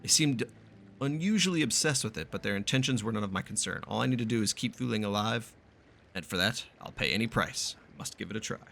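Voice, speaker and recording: He's a gaming streamer whose lowish, gravelly, slightly bright voice moves fast with lively intonation, faint music behind. During his playthrough he reads the game's text aloud in a loose, profane way and sometimes stumbles.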